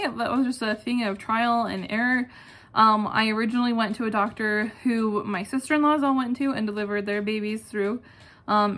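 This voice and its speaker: A woman's voice: medium pitch, a bit bright. A young adult woman talking casually and informally to her channel in a self-deprecating, chatty way, with clicking in the background. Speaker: video channel host. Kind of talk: casual one-take vlog chat, answering questions. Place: at home, indoors. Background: clicking ceiling fan, possible neighbors talking outside.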